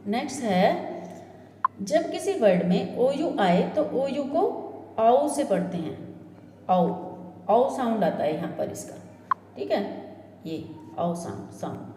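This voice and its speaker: A woman with a fairly high, mellow voice teaches pronunciation at a slow, patient pace. She repeats each example word and checks in often with her listeners. The room is echoey, with a long reverb and a faint hiss behind her. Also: very animated. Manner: slow, repetitive drilling of example words; checks in with "ठीक है" and "है ना". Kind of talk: classroom-style lesson explaining word sounds.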